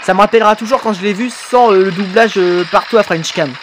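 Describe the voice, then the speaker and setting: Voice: medium pitch, quick pace, background noise. A reaction-video host giving playful, jokey commentary with bursts of sound effects.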